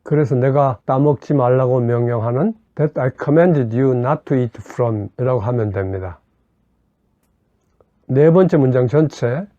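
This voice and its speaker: Slow, deliberate male language teacher. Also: mid-range voice, dark tone, no echo. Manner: slow, deliberate repetition of English phrases. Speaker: English teacher. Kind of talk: explaining grammar and leading repetition drills. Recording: dull lo-fi dry recording.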